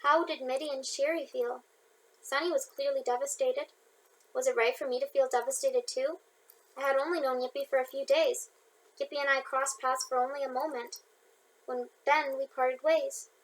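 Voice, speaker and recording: A woman's voice: high-pitched, steady tone, moderate pace, rough recording. A young woman reading her own audiobook aloud in an informal way, with slips and chatty asides to listeners. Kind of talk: audiobook narration.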